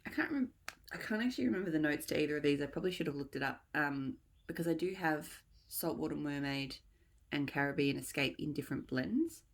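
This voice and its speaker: A woman vlogger reviews wax melts in a casual haul chat, her low voice animated and fairly quick. She rambles a little and thinks out loud as she goes.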